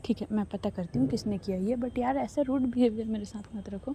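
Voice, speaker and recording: A defensive young woman, stung and stern, in a dark, mellow voice, as a woman storyteller puts her on. The voice sits a little high and the read stays close to plain talk. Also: fairly quick, slight background noise, natural voice. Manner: pleading, then sternly warning.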